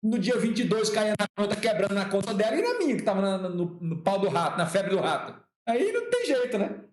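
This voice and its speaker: A Brazilian man with a fairly high voice teaches law through a chatty personal story. He acts out the dialogue and often repeats his words. The room around him sounds echoey. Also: very animated, brisk. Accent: Brazilian Portuguese. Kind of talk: lecture with a personal anecdote. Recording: roomy echo.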